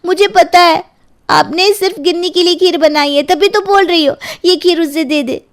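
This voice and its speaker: A woman's voice: very high-pitched, moderate pace. A woman voicing a sulky, whiny eight-year-old girl in a cartoon storybook.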